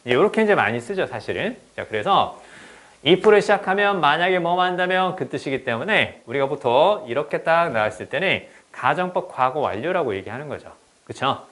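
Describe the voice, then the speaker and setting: A man teaching an exam-prep English grammar lesson, often checking in with the class and reading English examples slowly. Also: a little high. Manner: lively, repeats "그쵸?" to check understanding.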